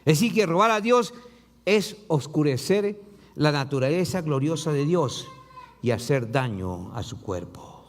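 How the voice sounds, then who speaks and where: A man pastor preaching a sermon, reading scripture aloud and asking the congregation rhetorical questions with rising emphasis and low drops. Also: animated, unhurried, in a large hall.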